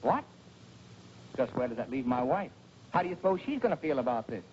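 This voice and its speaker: A man's voice: mid-range voice, big pitch swings, fairly quick, slight background noise, close to an everyday voice. A man playing a proud jealous novelist. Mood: sarcastic. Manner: indignant, sharp-tongued. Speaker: novelist husband. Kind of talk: 1940s film acting. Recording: dull old film soundtrack.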